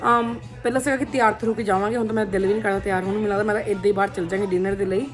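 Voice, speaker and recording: A woman's voice: medium pitch, fairly even intonation, rapid-fire. A woman vlogger chatting casually to her viewers, slipping English phrases into her talk. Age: adult, a mother of children. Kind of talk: casual vlog chat.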